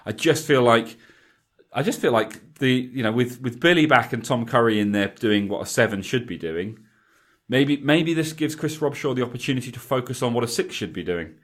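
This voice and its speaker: A man co-hosting a casual rugby podcast, talking in a halting way with many restarts. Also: medium pitch, expressive, a bit bright. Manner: hesitant, restarts often. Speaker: podcast co-host. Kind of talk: casual chat.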